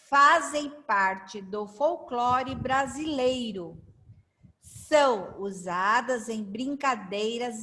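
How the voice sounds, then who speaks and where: A woman teacher with a Brazilian Portuguese accent, giving a children's reading lesson with drawn-out syllables and frequent check-ins. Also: a little high, pushed and bright. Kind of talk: slow children's literacy lesson.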